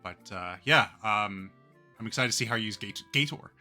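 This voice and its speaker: Bright-voiced young man hosting a draft. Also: on the low side, moderate pace, faint music behind. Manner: upbeat, analytical, with many fillers. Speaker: league coach and draft host. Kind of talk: casual stream chat.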